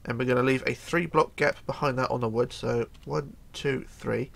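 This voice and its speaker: The host, a middle-aged man hoarse with a cold, talks at normal speed in a medium-pitched, fairly bright voice with vocal fry and fairly even intonation. He's at his home computer desk leading a casual game build tutorial, chatting, counting blocks aloud, and frequently mumbling.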